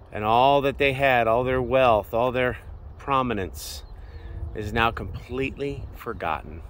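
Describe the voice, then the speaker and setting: A man in his thirties films himself on a phone held at arm's length while walking through ancient ruins on an open hillside, preaching earnestly and using lots of filler words. His voice is medium-pitched and fairly bright, with a little hiss or hum in the recording.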